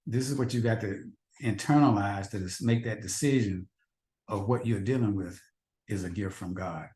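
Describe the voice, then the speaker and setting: Teaching a marriage class grounded in faith, a man addresses rhetorical questions to the husbands listening, repeating himself earnestly. His fairly low voice is mellow and moves at a moderate pace, and the room carries an echo.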